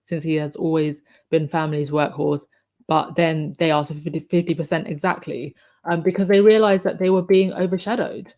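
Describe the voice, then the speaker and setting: This is a woman hosting an informal live stream, her voice croaky, low-pitched and a little mellow. She chats and reads viewer comments, often saying um and starting over.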